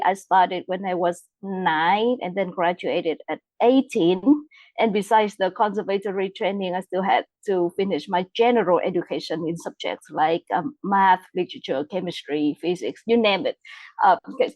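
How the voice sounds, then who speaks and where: A woman composer, speaking in a measured way on a podcast panel. Her pitch sits in the ordinary middle range and she uses many ums. The recording is dry and close. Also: a little mellow, no room sound, poor audio. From Vietnam. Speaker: composer guest. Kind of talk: podcast roundtable discussion.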